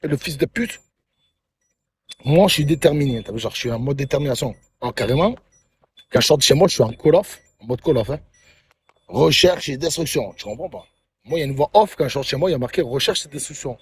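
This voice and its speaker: A man's voice: mid-range voice, animated, quick pace, a little hiss or hum. A man hosting a phone livestream, joking in crude, slangy, boastful banter. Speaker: livestream host.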